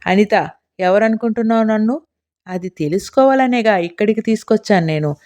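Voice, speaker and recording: A woman's voice: medium pitch, moderate pace, darkish tone, lightly acted. An impatient young man, read by a woman narrator. He speaks curtly and shows his irritation. This is a storybook reading. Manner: curt and impatient. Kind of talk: audiobook character reading.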